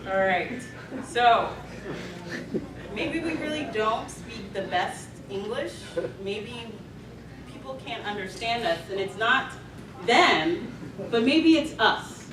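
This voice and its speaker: A woman's voice: a little high, expressive, slow pace. Woman lecturing in an echoey hall. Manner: emphatic, keeps asking "right?". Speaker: emergency medicine lecturer. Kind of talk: grand rounds lecture. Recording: echoey hall, mic far off, noisy.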